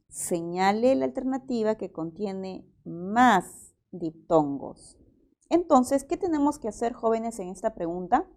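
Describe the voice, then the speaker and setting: Slow methodical woman teacher. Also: mid-range voice, dark tone. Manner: slow, methodical, works through each example aloud. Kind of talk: exam-prep language lesson.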